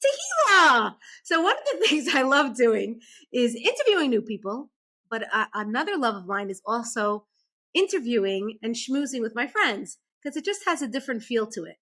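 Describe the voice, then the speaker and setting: A bubbly woman hosting a podcast in easy conversation with a friend. Her voice is bright and sits a little high, and she talks in a chatty, animated way. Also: moderate pace. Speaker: podcast host. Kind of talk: casual interview chat.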